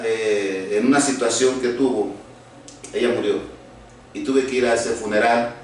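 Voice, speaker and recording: A man preaching as a pastor, earnest and halting, with many restarts and fillers. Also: mid-range voice, a little hiss or hum. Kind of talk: sermon. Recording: very echoey room, voice from far off.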